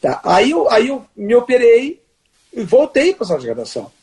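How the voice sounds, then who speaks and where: A man's voice: very high-pitched, wildly swooping pitch, moderate pace, a little mellow, breathy edge. An older man, telling stories in an interview with many restarts and fillers. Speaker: guest. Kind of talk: conversational storytelling interview.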